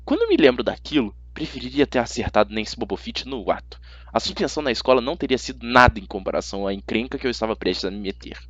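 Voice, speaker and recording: With a Brazilian accent, an amateur narrator reads a first-person youth fantasy novel in an expressive, conversational storytelling voice. He speaks quickly at a mid-range pitch, and the recording is dry and muffled.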